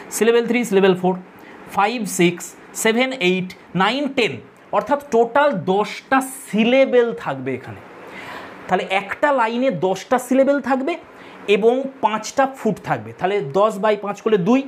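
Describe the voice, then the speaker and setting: A woman with a somewhat high voice and a Bengali accent guides exam students through literature, going step by step, counting out loud and restating key terms. Some faint noise sits behind her.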